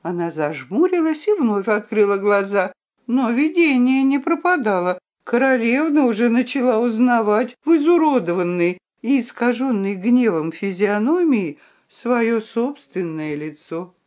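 A woman's voice: a little high, very animated, a little slow, a little mellow, lo-fi sound. A woman reading a children's story aloud with dramatic expression.

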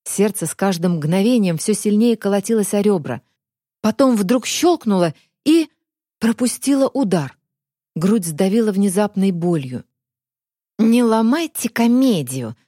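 A woman's voice: mid-range voice, expressive, normal speed, dark tone, no echo, clean studio sound. A woman reading an audiobook with vivid, dramatic scripted narration.

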